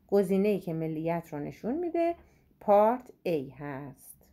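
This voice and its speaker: A woman teaching, going through exam questions, saying English words slowly and explaining quickly in between. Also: fairly low pitch, big pitch swings, mellow.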